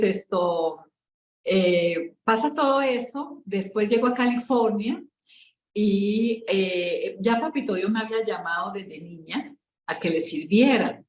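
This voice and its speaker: A Colombian woman, a spiritual coach, telling her story in an interview in an emotional, halting way, with many fillers and restarts. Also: mid-range voice, roomy sound, rough recording.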